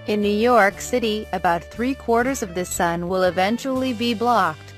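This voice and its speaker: A woman giving a measured, scripted news narration as a voice-over. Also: mid-range voice, soft background music.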